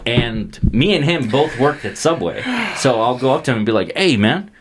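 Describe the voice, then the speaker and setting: Young male podcast co-host, casual storyteller, lively pitch, laughs often. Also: normal speed, noisy background. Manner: laughs a lot, acts out quotes in voices.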